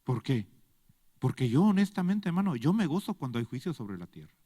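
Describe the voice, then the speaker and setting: A man's voice: medium pitch, big pitch swings, a little fast, warm tone, husky, dry recording, clean studio sound, big-room sound. A man preaching a sermon to a congregation, pressing them with rhetorical questions. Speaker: pastor. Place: church.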